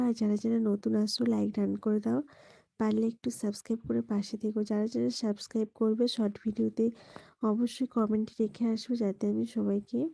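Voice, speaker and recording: A woman from West Bengal hosting a late-night live stream from home on her phone, talking softly and hushed while she greets viewers by name and asks them to like and subscribe. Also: a little high, vocal fry, no echo, low-quality recording. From West Bengal, India. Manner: soft, hushed talk near a whisper.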